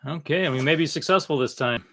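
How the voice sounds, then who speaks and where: A man hosting a casual, unscripted livestream, talking in a halting way that often trails off. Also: a little high, a bit bright, slight background noise. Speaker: livestream host.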